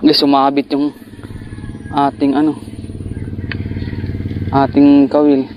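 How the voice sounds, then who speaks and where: A man talks his viewers through a fishing outing outdoors, chatty and easygoing, with sudden excited outbursts. The sound is muffled and lo-fi, like an onboard camera mic, with a faint hiss in the background. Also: medium pitch, slow pace. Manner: excited bursts, chatty, addresses viewers as guys. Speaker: vlogger. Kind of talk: casual fishing vlog narration. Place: outdoors by the water, rural.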